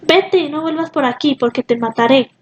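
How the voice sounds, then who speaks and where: Woman doing a vengeful sorceress, high voice, dull lo-fi sound, storybook reading. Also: normal speed, close to an everyday voice. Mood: commanding. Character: cruel vengeful sorceress woman, pleading to her lover.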